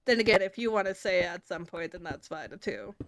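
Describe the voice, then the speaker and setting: A woman's voice: fairly low pitch, animated, fairly quick, a little hiss or hum. A woman from the Southern United States with a Southern accent, chatting casually on a livestream. She is playful, laughs often and stumbles over her words. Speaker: streamer.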